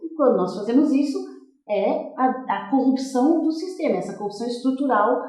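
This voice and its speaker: A female guest expert and author speaks earnestly and firmly, laying out her points with care. Her voice is mellow and darker in tone. The room is very echoey. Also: high-pitched, lively intonation, a little fast. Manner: earnest, explanatory, firm. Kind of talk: studio interview.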